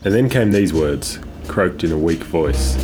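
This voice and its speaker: A man reading a children's storybook aloud in a measured, expressive way. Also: sits low. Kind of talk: scripted storybook narration. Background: guitar music.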